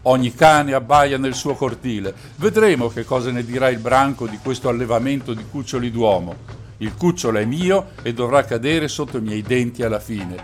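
Shere Khan, a man doing a loud snarling tiger. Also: mid-range voice, moderate pace, a little hiss or hum, natural voice. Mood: boastful menace. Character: fierce lame male tiger, boastful bully.

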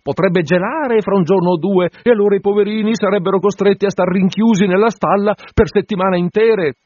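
A man voicing a sly, fawning parish clerk who giggles and flatters, in a dull, dry recording. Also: high voice, brisk, no echo, pitched above the performer's own voice.

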